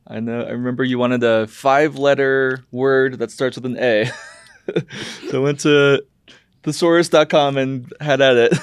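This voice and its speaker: Young male podcast host, smooth and clear, easy joking delivery, dry sound. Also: medium pitch, dry recording. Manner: light, joking storytelling. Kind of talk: casual podcast conversation.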